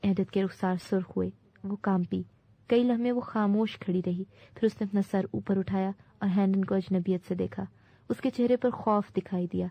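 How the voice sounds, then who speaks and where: A woman narrating a translated classic novel in a steady, clear reading voice. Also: mid-range voice, no room sound. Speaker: audiobook narrator. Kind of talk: scripted storybook narration. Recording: dull dry recording.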